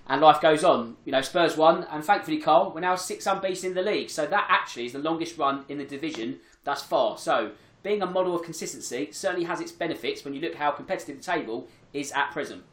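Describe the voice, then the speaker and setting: A man hosting a casual football chat, steering it with brisk segues. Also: fairly high pitch, a bit bright. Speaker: host. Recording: roomy echo.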